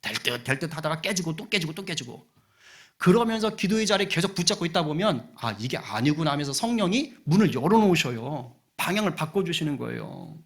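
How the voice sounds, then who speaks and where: A man, the senior pastor, preaching a sermon with animation, acting out people's prayers and dropping to hushed asides. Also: fairly high pitch, sing-song, a little fast.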